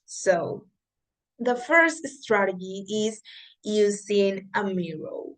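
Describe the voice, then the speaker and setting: Female English teacher, unhurried and reassuring, talks straight to the learner. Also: mid-range voice, expressive, a bit bright, rough recording. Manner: reassuring, speaks directly to learners. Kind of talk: encouraging lesson.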